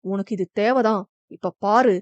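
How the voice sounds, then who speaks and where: A woman's voice: mid-range voice, measured pace, dry recording, close to an everyday voice. A woman voicing a spiteful village man who taunts slyly and stirs up trouble. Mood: taunting. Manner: sly, taunting. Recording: dull, dry lo-fi recording.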